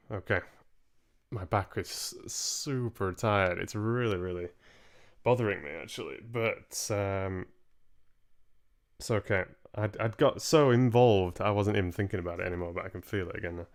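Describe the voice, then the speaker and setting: This man, in his twenties, hosts a casual livestream in which he reads a book aloud and chats, sitting in a small room at home. His voice sits on the low side, and he moves at a moderate pace, pausing often.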